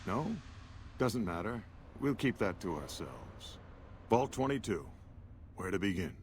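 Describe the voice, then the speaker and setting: Unhurried and fairly low-pitched with big pitch swings, a man's voice brings to life a pompous male scientist, director of operations, in video game dialogue. Smug and condescending, he speaks formally with rhetorical diction and talks down to the listener. The game audio is noisy with ambient sound behind it.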